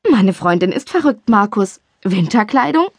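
A warm, teasing young man from a romance audiobook, voiced low and breathy by a woman narrator. He speaks quietly and intimately, the sound dry and close. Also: expressive, normal speed, no room sound. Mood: tender, teasing.

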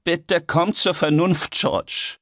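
A man's voice: medium pitch, big pitch swings, a little slow, darkish tone, slightly rough, no room sound, voice pushed up, heavily acted. A man voicing a guilt-ridden young man in an audiobook, speaking urgently and pleadingly. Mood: pleading, tense. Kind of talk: audiobook character voice. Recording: dry studio recording.

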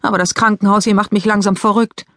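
A woman's voice: mid-range voice, little pitch movement, fast, fairly bright tone, no room sound, clean studio sound, voice pushed up, close to an everyday voice. A woman voicing an emotional teenage girl in an audiobook, pleading and upset. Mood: distraught. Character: upset teenage girl, ballet dancer on crutches.

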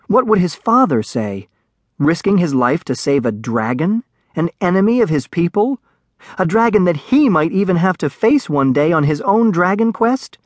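A man narrating a children's audiobook in a close studio recording, with an expressive, varied storytelling voice. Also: medium pitch, no echo.

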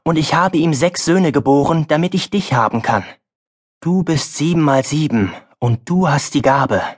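A man's voice: a little high, expressive, normal speed, slightly rough. A man voicing a stern, wise farm mother. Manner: firm, earnest, then softer.

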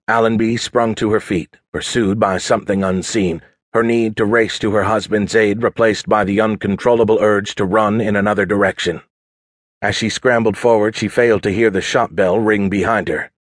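A man narrating an audiobook thriller in a steady, measured read. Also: lowish voice, no room sound, clean studio sound. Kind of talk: scripted narration.

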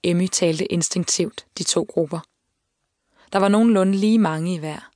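A woman's voice: fairly low pitch, no echo. Woman narrating a story, dry and close. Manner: calm, measured storytelling. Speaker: audiobook narrator. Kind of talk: scripted narration. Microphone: close studio mic. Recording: dry studio reading.

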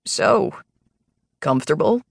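A woman narrator voicing a cocky young male wolf-shifter alpha who teases with dry, lazy calm. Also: lowish voice, slow pace, vocal fry, no echo, heavily acted. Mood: dry teasing. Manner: dry, lazy, teasing delivery.

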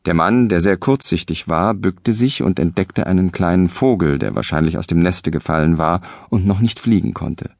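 Deep, gravelly male storybook narrator. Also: no echo. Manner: measured, expressive storytelling. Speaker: audiobook narrator. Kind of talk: storybook reading.

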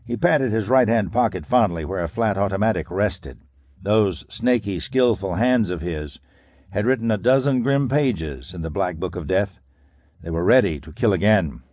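A man narrating a 1930s pulp crime thriller audiobook in a dramatic, measured way. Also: lowish voice, expressive, darkish tone, no echo, studio quality.

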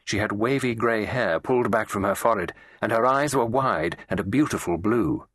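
A man reading a classic mystery as an audiobook narrator, measured and expressive. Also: lowish voice, dry recording, clean studio sound.

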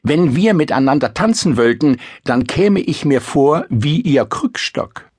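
A man reading a spoiled young princess whose high, husky voice mocks everyone with theatrical scorn. She teases and shrieks in turn, with a dry, close sound. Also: expressive, unhurried, dry recording. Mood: mocking. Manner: sharp-tongued, teasing, theatrical. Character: haughty, mocking young princess. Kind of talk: storybook reading.

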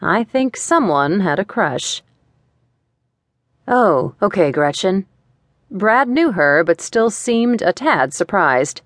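A woman reading a first-person thriller aloud in a measured, matter-of-fact way, on a studio microphone. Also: mid-range voice, sing-song, fairly bright tone, no room sound. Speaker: audiobook narrator.

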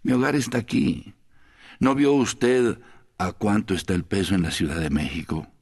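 A man's voice: fairly low pitch, moderate pace, a little mellow, husky. A man voicing a weary, lonely middle-aged foreigner in an audiobook, talking in a rambling, sighing, pleading way. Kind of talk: audiobook character voice.

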